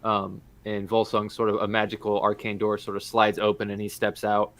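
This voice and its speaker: A man's voice: on the low side, completely flat delivery, moderate pace, crowd noise. A man acting as game master, explaining and narrating a tabletop game in a casual, hesitant way.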